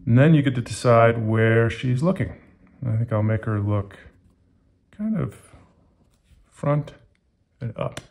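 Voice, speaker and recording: Taking his time with long pauses, a man in his fifties reads and draws for children in a medium-pitched, lively, creaky voice that's a little mellow. He writes and illustrates the book himself, speaks in a casual, simple way, and encourages the young viewers throughout.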